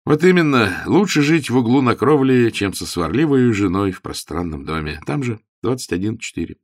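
A man's voice: medium pitch, sing-song, normal speed, no room sound, clean studio sound, pitched above the performer's own voice. A man reading an audiobook voices a troubled, pompous elderly bishop who sighs over his troubles and quotes scripture. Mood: rueful. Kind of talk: audiobook character voice.

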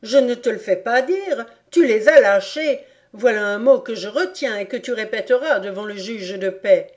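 A woman's voice: a little high, normal speed, darkish tone, close to an everyday voice. A woman voicing a grumpy, panicky peasant man in an audiobook, whiny and piteous. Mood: angry.

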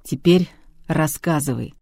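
The audiobook narrator voicing a huge male detective who barks orders and threatens slowly. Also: mid-range voice, vocal fry, a little mellow, dry recording, studio quality. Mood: gruff menacing. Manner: barking orders, slow and threatening. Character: huge menacing male detective, gruff and blunt.

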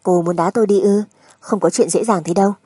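A woman's voice: mid-range voice, steady tone, a little fast, mellow, slightly rough, no room sound, studio quality, lightly acted. A woman narrator voicing a crude, spiteful gambler husband who speaks with mockery and menace in a dramatic audiobook. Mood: bitter mockery.

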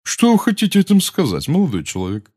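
A man voicing a stern older woman judge who questions in a deep, formal way in an audiobook. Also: huge pitch swings, quick pace, a little mellow, heavily acted. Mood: astonished.

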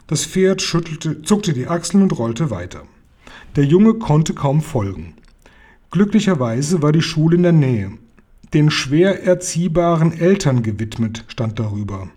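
A man reading a children's novel aloud with calm, measured narration. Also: fairly high pitch. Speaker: reader.

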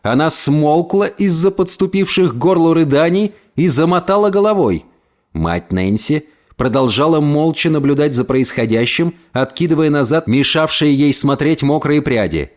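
A man reading a first-person story aloud in an expressive narration. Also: fairly high pitch, normal speed. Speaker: audiobook reader.

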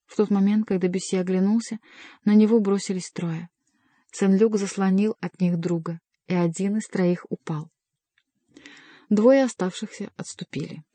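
An audiobook reader, a woman with a mid-range voice, narrates an adventure novel in an even, measured storytelling style. It's scripted narration with no echo.

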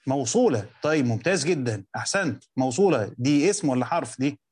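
A man with an Egyptian accent lectures his students on a classic text, working through it step by step. He repeats key words and drawls slowly through each quotation. His voice sits at an ordinary middle pitch in a dry, close recording. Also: expressive, darkish tone, slightly rough, dry recording. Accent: Egyptian Arabic. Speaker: teacher of Quranic exegesis.

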